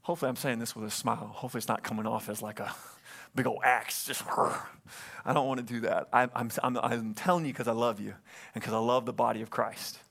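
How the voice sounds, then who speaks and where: Delivering a sermon through a stage microphone in a church sanctuary, a man who pastors the church preaches earnestly, repeating himself and frequently calling out for amens. He speaks briskly at a medium pitch with fairly even intonation, and his voice is creaky with a fairly bright tone.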